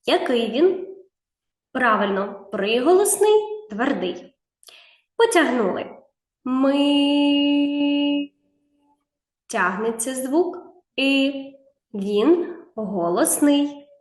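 Speaking slowly in a high, sing-song voice with a roomy sound, a woman leads a video reading lesson for young children. She draws out sounds and gives patient, step-by-step instructions, encouraging the child and talking straight to them.

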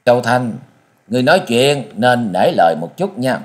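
A man's voice: very animated, moderate pace, close to an everyday voice. A man voicing a cold, mocking hidden old master. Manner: cold, dry, booming laughter.

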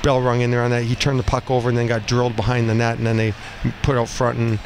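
In a small cinder-block room at the rink, a hockey coach in his fifties speaks off the cuff to reporters after the game. His mid-range voice is blunt and halting, and he repeats phrases a lot. A headset boom mic picks him up against the steady din of a noisy arena room.

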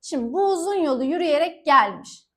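A woman teacher working through exam questions, asking herself short questions, answering them in quick call-and-response and pausing to warn students directly. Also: high-pitched, animated. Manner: warns students directly, stressing key words. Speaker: Turkish teacher. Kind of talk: exam-prep lesson, solving questions.

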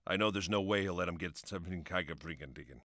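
Casting: man voicing a brusque sword master, low and bright. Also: fast, no room sound, clean studio sound. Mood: gruff. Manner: brusque, scolding. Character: gruff, arrogant male sword master. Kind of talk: ad-libbed dub outtake.

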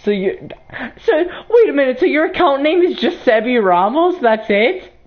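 A man chatting and shouting with friends during an online game, laughing often and getting exasperated. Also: very high voice, sing-song, moderate pace. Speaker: gaming channel host. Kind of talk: casual gaming chat with friends. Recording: dull lo-fi voice chat.

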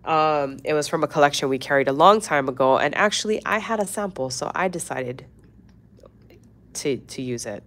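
A young woman with a low voice hosts a casual nail art livestream, sounding stuffy and congested from a cold. She chats in a friendly, rambling way, full of fillers and restarts. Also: normal speed, a bit bright. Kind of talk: casual livestream tutorial chat.

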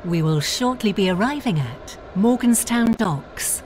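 A woman delivers recorded onboard train announcements, unhurried and formal. Her intonation rises and falls widely over each phrase. The pitch sits in an ordinary middle range. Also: a little hiss or hum. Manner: calm, measured, formal announcing.

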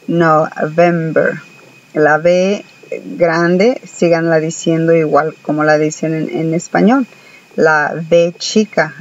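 A man with a Mexican Spanish accent teaching English, speaking slowly and carefully, repeating words for pronunciation with many filler sounds. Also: a little high, highs cut off. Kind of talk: slow spoken language lesson.

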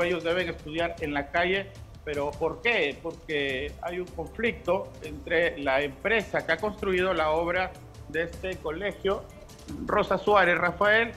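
High, bright-voiced male field reporter. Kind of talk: live news field report. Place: outdoors on a street. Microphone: handheld microphone.

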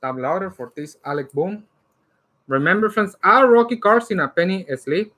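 A man hosting a card break, announcing each card by player and team in a slow, animated way. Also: sits high. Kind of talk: calling out cards during a live card break. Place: indoor room lined with card displays.

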